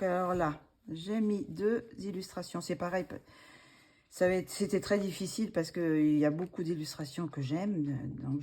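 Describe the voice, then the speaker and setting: A low-pitched woman with a warm, mellow tone talks through her favorite coloring pages at home. She hesitates often, restarting sentences and filling gaps with little pauses. A faint hiss sits under the recording. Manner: hesitant, many fillers and restarts. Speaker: coloring channel host. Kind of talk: casual show-and-tell vlog.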